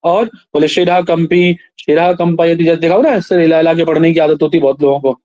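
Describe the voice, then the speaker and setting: A man teaching a class, slowly reciting verses, then explaining them and quizzing his students. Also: fairly high pitch, fairly even intonation, dark tone, dry recording, highs cut off. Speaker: Sanskrit teacher. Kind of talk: classroom lecture.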